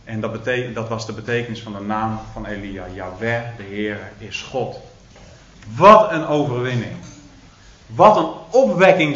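A man's voice: medium pitch, a bit bright, slight background noise. A man preaching a sermon, retelling a Bible story with dramatic emphasis and hesitant fillers. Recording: roomy, dull recording.

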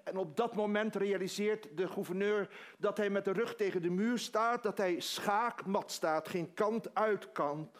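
A man's voice: sits high, a little slow. A man preaching a sermon, retelling a story dramatically with quoted dialogue.

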